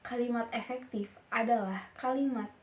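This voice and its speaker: A young woman, a university student, reading course notes aloud in a steady voice and sometimes stumbling and restarting a word. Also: a little high, normal speed, a little hiss or hum. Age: young adult. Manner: reads steadily from notes, with small slips and restarts.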